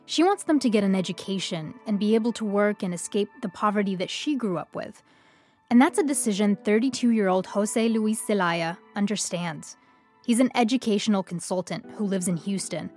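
Woman co-host narrating over soft music. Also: mid-range voice, animated, normal speed. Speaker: podcast co-host. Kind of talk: scripted narration.

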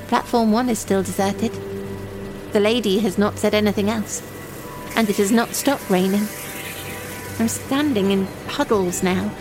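A lonely, childlike young runaway confides in the listener in an audio drama monologue. The voice is fairly high, naive and wistful, with simple, halting phrases. Music plays clearly behind it. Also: female voice.

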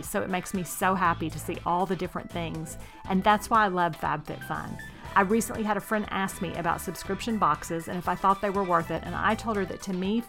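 A woman's voice: fairly low pitch, vocal fry, fairly bright tone. A woman reading a scripted, hard-sell sponsor ad as a personal endorsement on a podcast. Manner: promotional hard-sell ad read.

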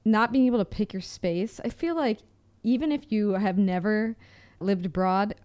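A woman's voice: mid-range voice, moderate pace, darkish tone. A woman co-hosting a podcast in casual conversation. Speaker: podcast co-host.

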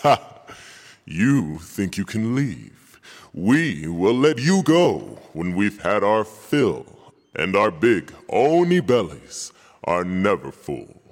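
A booming, greedy monster of a children's audio story, slow and heavy in every word. His low voice swings wide, gloating and mocking, and it rings with a long reverb. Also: big pitch swings, heavily acted. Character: huge greedy boastful male Oni monster.

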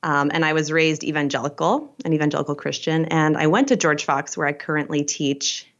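A woman in her forties from Idaho, a professor giving measured, thoughtful interview answers. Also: sits low, fairly even intonation, highs cut off. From Idaho, USA. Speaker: guest, professor and dean.

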